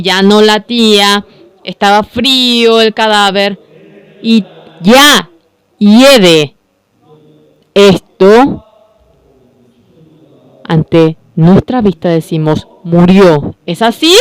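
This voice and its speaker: Sermon interpreter, unhurried and clear, dry close sound, repetitive phrasing. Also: mid-range voice, fairly bright tone, no room sound. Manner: slow, repetitive phrasing with self-corrections.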